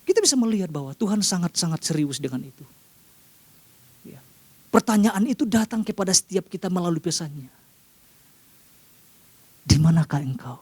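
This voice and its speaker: A man with an Indonesian accent preaching a sermon to a congregation, often calling out to them and rising sharply in pitch for emphasis. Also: animated, normal speed, long pauses, a little mellow, slightly rough, no room sound.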